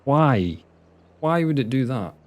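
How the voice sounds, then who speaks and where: Medium-pitched and very animated, he speaks at a slow pace. The young man from Scotland is streaming a farming game, casually chatting with viewers, reading chat aloud and muttering at the game.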